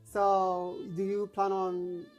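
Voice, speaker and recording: A woman's voice: medium pitch, completely flat delivery, slow, a little mellow, highs cut off, soft background music. A woman interviewing casually, encouraging and often rephrasing her questions as she goes.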